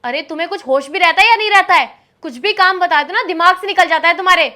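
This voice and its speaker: An actress playing a quick-tempered young woman arguing with her live-in partner, sharp and scolding. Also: very high-pitched. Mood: angry. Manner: sharp, scolding, turns to pleading. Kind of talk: scripted short-film acting.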